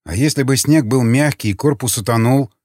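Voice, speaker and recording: A man's voice: mid-range voice, brisk, a little mellow, dry recording, studio quality, natural voice. A man voicing a weary, skeptical copilot who grumbles, read in an audiobook. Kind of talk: audiobook character voice.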